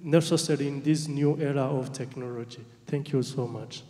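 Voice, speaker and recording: Young man, from Burundi, student questioner, hesitant, mellow tone, strong room echo. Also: mid-range voice, fairly even intonation, moderate pace. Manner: hesitant, searching for words. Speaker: student asking a question from the audience. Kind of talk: formal audience question. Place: large conference hall. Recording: very echoey hall, long reverb.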